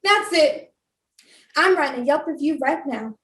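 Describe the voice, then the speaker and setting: Entitled middle-aged woman customer, high and shrill, complaining loudly; a woman puts her on, echoey and off-mic. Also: animated, unhurried. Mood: outraged. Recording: roomy, distant mic.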